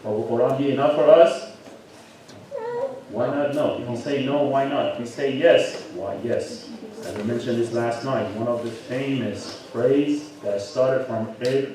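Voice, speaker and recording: A man with a medium-pitched, darkish voice delivers an interactive sermon-lecture to a congregation in a large, echoing religious hall. He speaks conversationally, asking rhetorical questions and tagging lines with "right?". The recording sounds distant and very echoey, with slight background noise and the congregation audible.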